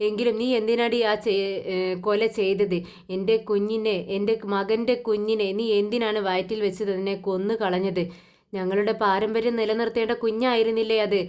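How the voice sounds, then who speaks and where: A woman's voice: fairly high pitch, fairly even intonation, normal speed, a little mellow, clean tone, close to an everyday voice. A woman voicing a grieving older mother-in-law who reproaches her daughter-in-law. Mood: reproachful. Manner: pleading and reproachful.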